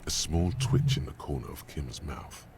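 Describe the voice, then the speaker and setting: A man's voice: a bass voice, normal speed, over music, pitched below the performer's own voice. A man voicing the wry, ominous inner voice of a detective, narrating a video game with drama. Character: brooding inner voice of a male detective.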